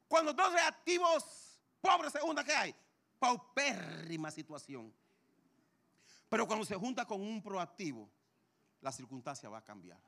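A man's voice: extremely high pitch, gravelly, sharp tone. A man preaching a sermon, asking rhetorical questions and repeating key phrases for emphasis. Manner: dramatic rise and fall, rhetorical questions.

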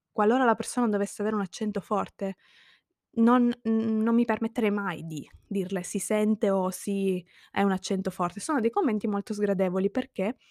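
A woman's voice: mid-range voice, darkish tone, no echo, studio quality. A woman from Sicily giving an earnest, reflective personal monologue, thinking aloud as she talks. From Sicily, Italy. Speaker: vlogger.

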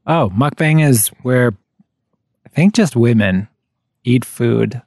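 A man's voice: mid-range voice, animated, takes it slowly, a little mellow, no room sound, clean studio sound. A man co-hosting a podcast with casual, tongue-in-cheek banter, recorded outdoors in a backyard. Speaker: podcast co-host. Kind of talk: casual chat.

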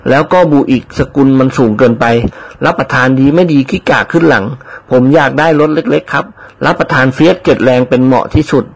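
Here a man with a mid-range, brisk voice and some vocal fry performs an audiobook character. The role is an eager, fawning manservant fixated on money, who tacks a servile courtesy onto each line.

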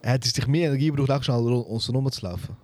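A man's voice: mid-range voice, rapid-fire, a little mellow, no echo. A Swiss German man, a podcast co-host, earnestly arguing his point in casual chat.

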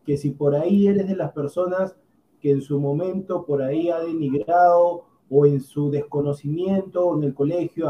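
A man's voice: on the high side, highs cut off, slight background noise. A man with a Peruvian accent co-hosting a casual talk show, giving opinions emphatically and repeating himself.

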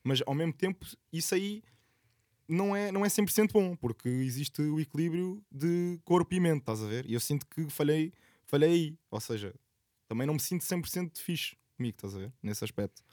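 A man's voice: a little high, expressive, a little fast, darkish tone, dry recording, studio quality. A young man chats casually in a slangy, sweary, rambling way. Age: young adult. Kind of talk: casual chat.

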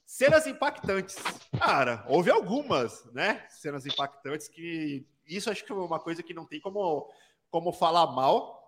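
A man's voice: fairly high pitch, sing-song, normal speed, a bit bright. A Brazilian man chatting casually and jokingly about a TV series, full of slang. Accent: Brazilian Portuguese. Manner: jokey, laughs while talking, slangy.

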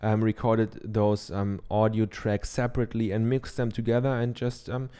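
A German podcaster with a German accent gives a casual how-to talk from his treated home office into a dynamic studio mic. His voice is on the low side, warm and clean, with little pitch movement and normal speed. He's chatty and loose, using many ums and tag questions.

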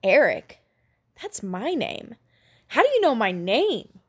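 Woman voicing young man, defensive, sharp demanding questions, panicky, storybook reading. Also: a little high, big pitch swings, takes it slowly, breathy edge, full character voice. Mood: bewildered.

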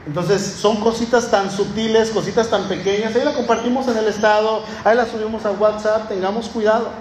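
High-pitched guy giving a sermon, emphatic, faint background hum. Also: fairly even intonation, brisk, echoey room. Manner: emphatic preaching, asks listeners for assent. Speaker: pastor.

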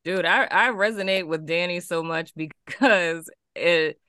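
Low, bright-voiced woman, slangy. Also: unhurried, clean tone, no echo, clean studio sound. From Dallas, Texas, later New Orleans. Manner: slangy, exclamatory. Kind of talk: casual panel discussion.

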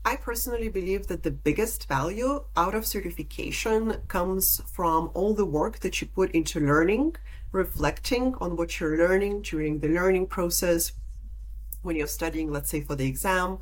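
A woman from Lithuania with a low-pitched voice, speaking as a podcast guest. She explains her points in a measured, articulate way. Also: rough recording. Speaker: podcast guest, data protection officer. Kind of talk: interview answers.

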